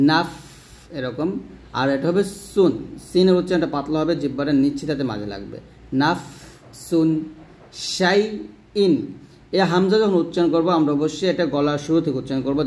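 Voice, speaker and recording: Man slowly demonstrating recitation sounds. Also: fairly high pitch, darkish tone. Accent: Bangladeshi Bengali. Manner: patient, repeats and drags out sounds to demonstrate them. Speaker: Quran reading teacher. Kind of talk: spoken lesson.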